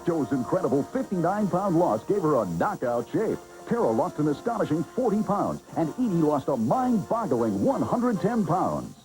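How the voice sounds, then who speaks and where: A man reading a hard-sell commercial as an announcer, with an urgent, emphatic sales pitch. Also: sing-song, moderate pace, hardly any pauses, over music, low-quality recording.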